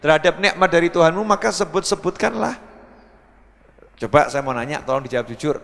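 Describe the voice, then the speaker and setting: High-voiced preacher in an echoing hall. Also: male voice, animated, fairly quick, creaky, fairly bright tone. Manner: acts out characters, jokes, asks the audience questions. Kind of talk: humorous sermon. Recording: long reverb of a hall.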